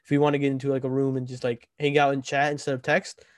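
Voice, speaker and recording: A twenty-year-old man hosts a casual podcast chat, talking fast in a mid-range voice with little pitch movement. He rambles with lots of fillers and keeps checking in with "right?", and the clean studio sound has no echo.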